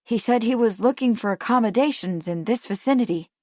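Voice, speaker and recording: A woman's voice: on the high side, a little fast, darkish tone, no echo, studio quality, close to an everyday voice. A woman narrator voicing an anxious, determined young Victorian woman, speaking earnestly and urgently. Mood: intent.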